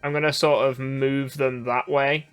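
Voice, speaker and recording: A man's voice: medium pitch, level tone, measured pace, fairly bright tone, clean tone, soft background music. A man playing a game and joking through it as a let's play co-host. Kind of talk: casual game commentary.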